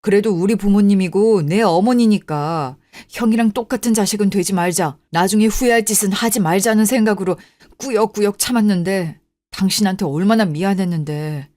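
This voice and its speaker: A woman's voice: mid-range voice, a little fast, dark tone, dry recording, lightly acted. A woman voicing a weary middle-aged husband, worn down by caring for his mother, in a radio drama. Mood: pained. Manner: pleading, then venting frustration. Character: middle-aged husband, patient son, tired and strained. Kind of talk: Korean radio drama acting.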